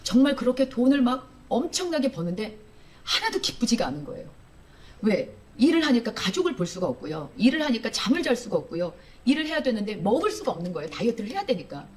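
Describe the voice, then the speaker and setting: A woman comedian telling her personal testimony in a played video clip, animated and acting out her own outbursts. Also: a little high, fast talker.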